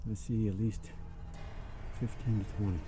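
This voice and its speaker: A man casually narrating his camping vlog outdoors at night in an informal, halting, unhurried way. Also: on the low side, fairly even intonation, loud music behind the voice. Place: outdoors at night in cold, snowy woods. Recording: noisy outdoor recording with rustling.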